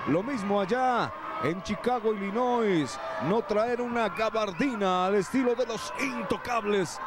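A Mexican man calls lucha libre as a wrestling commentator, his voice pitched high. He is grandiose and declamatory, circling back on phrases for emphasis. A noisy crowd fills the background of the broadcast. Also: unhurried. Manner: florid, declamatory, repeats phrases for effect. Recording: lo-fi TV broadcast over loud arena crowd.

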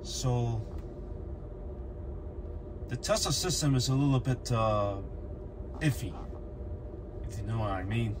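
A man's voice: medium pitch, animated, slow pace, long pauses. A man vlogging a road trip from inside his car, chatting and thinking aloud with small fillers. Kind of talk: casual driving commentary. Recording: car noise in background. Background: car road noise.

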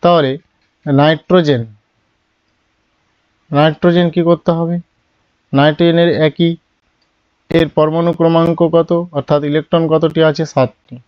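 A man teaching chemistry in a classroom style, patient and step by step, asking questions and then answering them himself in a lower voice. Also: flat delivery, moderate pace, pauses often, clean tone, no echo, lo-fi sound. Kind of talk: classroom lesson.

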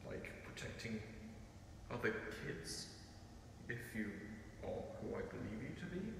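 A man playing an earnest, uneasy paranormal investigator in found-footage horror, speaking haltingly and gently to spirits. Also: fairly low pitch, sing-song, creaky, exaggerated voice. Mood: earnest, pleading. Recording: very echoey empty building, noisy ambience.

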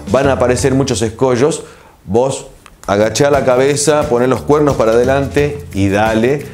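Argentine man musing with many pauses. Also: mid-range voice. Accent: Argentine Spanish. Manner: relaxed, reflective, many filler pauses. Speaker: TV host and producer, interview guest. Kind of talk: casual interview answers. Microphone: lapel mic.

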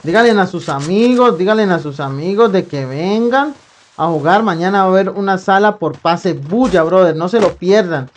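A young Colombian man streams a game live from a small room at home, speaking into a headset mic in a high, expressive voice at normal speed. He chats with viewers, greeting them by name and calling them brother, over slight background noise.

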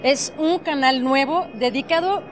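A Mexican-accented woman hosts with lively enthusiasm, her voice a little high. She thanks and prompts her guests into a handheld mic, with an expo crowd clearly audible behind her. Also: unhurried. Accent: Mexican Spanish. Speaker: show host. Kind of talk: hosting interview.

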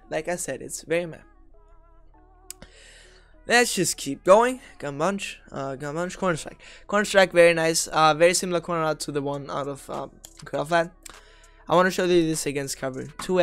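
A young man from Austria walks through football plays in a relaxed, chatty gameplay tutorial, picking apart each read and tossing in offhand jokes. His voice sits a little high and comes across smooth and resonant. Soft music plays faintly underneath. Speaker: video game strategy creator. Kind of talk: casual gameplay tutorial commentary.

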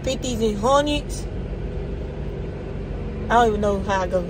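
Holding her phone at arm's length in her truck cab, a trucker in her 20s chats candidly for her vlog and curses without restraint. She speaks in a mid-range voice at an unhurried pace, with background noise behind her.

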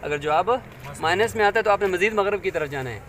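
A man walks learners through a practical method one step at a time, his voice high and bright. He checks in with questions as he goes, recorded outdoors with faint traffic hum behind him. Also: lively intonation, fast talker. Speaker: teacher. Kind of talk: hands-on classroom demonstration.

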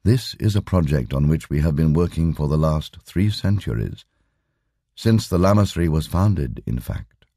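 Voicing an imperturbable lama, a male audiobook reader delivers his lines with formal patience in a heavily acted style. The low, measured, mellow voice carries lively intonation and is captured dry and close without echo, sounding calm and explanatory.

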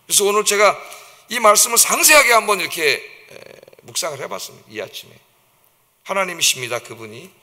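A man's voice: high-pitched, bright, forceful tone. A man preaching a dawn-service sermon as a pastor, emphatic and vivid, acting out the taunts of mockers. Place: church sanctuary. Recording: long church reverb.

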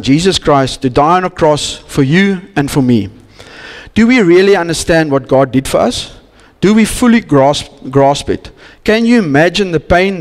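A man with a South African accent, an Afrikaans speaker, preaching an earnest, pleading sermon full of rhetorical questions and restarts. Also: on the high side. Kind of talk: bilingual church sermon. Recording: long hall reverb.

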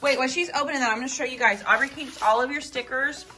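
A woman in her thirties hosting a casual family vlog, talking in an upbeat, excitable way and coaxing her kids and the viewers along. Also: high voice, rapid-fire, background noise. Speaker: parent and channel host. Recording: clear background music under the talk.

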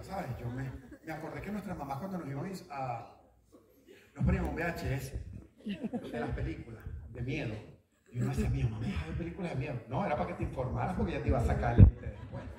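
A man doing animated stand-up comedy on a live stage, shrieking into high voices. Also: fast, long pauses, distant mic. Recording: roomy venue, from the mic, loud crowd.

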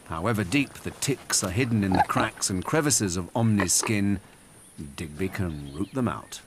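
Low-voiced male wildlife documentary narrator. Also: animated, very noisy. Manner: measured, gently explanatory. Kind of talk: scripted narration. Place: voice-over studio. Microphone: close studio mic. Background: music under the narration.

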